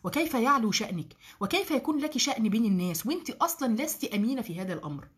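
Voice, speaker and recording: A woman with an Egyptian Arabic accent teaching a religious lesson to girls in a lively way, often asking the class questions and explaining terms. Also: on the high side, very fast, slightly rough.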